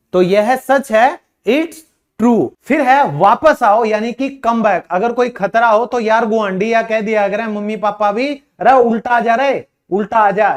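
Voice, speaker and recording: High-voiced man teaching slowly. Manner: repeats each phrase slowly, Hindi then English. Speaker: English teacher. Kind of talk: spoken English lesson.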